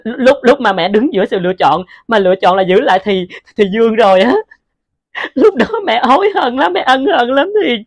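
A heartbroken mother, played by a woman, pleading in a halting way and stumbling over repeated words. Her voice is somewhat high. The sound is dry and close. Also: expressive, dry recording. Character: grieving mother begging her dead daughter's forgiveness.

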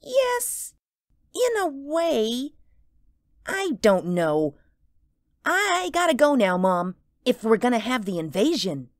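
Bossy little girl, high voice, swooping intonation, impatient, emphatic, radio play. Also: wildly swooping pitch, takes it slowly, long pauses, no echo, studio quality, exaggerated voice. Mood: earnest, eager. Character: excited, bossy, loud little girl in a sci-fi tale. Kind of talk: radio drama acting.

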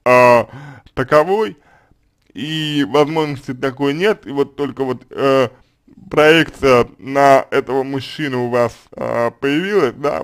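A man speaks as a consultant, answering a listener's question in an unscripted way. He explains step by step at a calm, even pace, often pausing and restarting his words. His voice sits at an ordinary pitch. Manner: hesitant, many fillers and restarts. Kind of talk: unscripted spoken advice.

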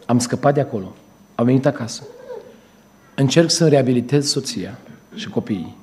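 A man preaching, telling stories in a church and swinging between loud raised lines and low asides. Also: lively intonation, slight background noise. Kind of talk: sermon with storytelling.

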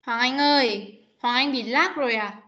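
A high-voiced woman teacher leads an online lesson, her tone bright and clear. She patiently coaxes her students and repeats each sound for them to copy. The video call audio is dull and muffled. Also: normal speed, a little hiss or hum. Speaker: English teacher. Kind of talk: online class coaching pronunciation.

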